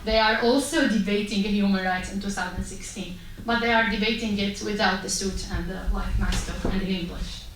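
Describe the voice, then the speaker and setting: A woman's voice: mid-range voice, steady tone, moderate pace, hardly any pauses. Impassioned woman in an echoey hall. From Syria. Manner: passionate, emphatic, rhetorical questions. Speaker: panel speaker. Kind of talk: impassioned panel talk. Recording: echoey hall, distant mic, faint noise.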